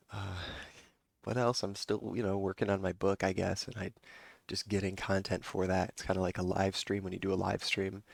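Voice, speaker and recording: A man vlogging, deep monotone voice, loose rambly update full of ums. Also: vocal fry, husky, dry recording. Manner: meandering, many fillers and restarts. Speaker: vlogger and yoga teacher. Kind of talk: casual rambling update to viewers.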